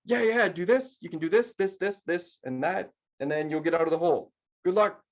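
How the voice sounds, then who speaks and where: A man putting on the voice of a cheerful engineer who hands out quick instructions and leaves. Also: high-pitched, pitched above the performer's own voice, lightly acted. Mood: chipper. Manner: quick, chipper, dismissive. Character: eager, overly breezy male engineer.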